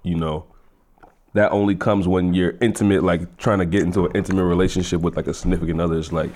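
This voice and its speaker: Laid-back low-voiced man chatting. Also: level tone, fast, darkish tone, a little hiss or hum. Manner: laid-back, storytelling, swears freely. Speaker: podcast co-host. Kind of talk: casual chat.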